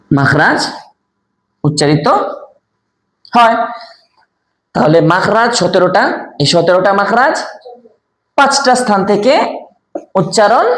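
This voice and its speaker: A man teaching a step-by-step lesson, repeating key answers slowly, asking quiz questions aloud and demonstrating sounds himself. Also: high-pitched, reverberant. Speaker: Quran recitation teacher.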